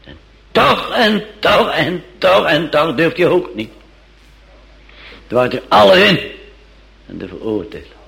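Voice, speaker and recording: Male preacher, sermon storytelling, slow and dramatic, gravelly, lively melody. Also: fairly high pitch, poor audio. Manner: dramatic storytelling, repeats phrases.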